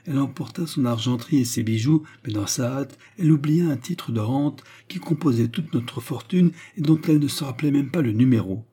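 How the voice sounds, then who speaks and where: A man voicing a composed, politely ironic French gentleman in a storybook reading, with a mellow, husky voice. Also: mid-range voice, brisk, few pauses, pitched above the performer's own voice, close to an everyday voice. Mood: calm courtesy. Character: calm, courteous French gentleman.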